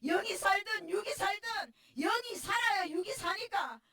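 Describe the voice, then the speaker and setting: A middle-aged woman pastor with a Gyeongsang accent gives a tearful testimony sermon, often breaking into shouts. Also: very high voice, lively intonation, moderate pace. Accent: Gyeongsang dialect. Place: church sanctuary. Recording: voice distant from the mic.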